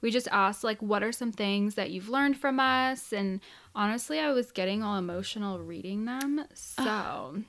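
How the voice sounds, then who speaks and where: A woman's voice: medium pitch, normal speed, a bit bright. A woman hosting a casual podcast, chatty and enthusiastic, peppering her talk with filler "like". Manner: chatty, enthusiastic, heavy use of "like". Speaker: podcast host.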